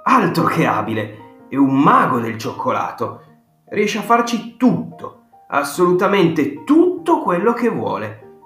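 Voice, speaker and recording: A man voicing an excited ninety-six-year-old grandfather who tells stories with eager, emphatic exclamations, in a roomy audiobook recording with faint guitar music. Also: a little high, a little slow, voice pushed up, heavily acted. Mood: enthusiastic.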